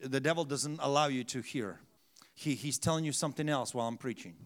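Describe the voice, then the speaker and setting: A man's mid-range voice moves fairly quickly as he preaches a pastor's sermon. He goes from quiet to loud, emphatic shouting, restarts often, and speaks slightly broken English.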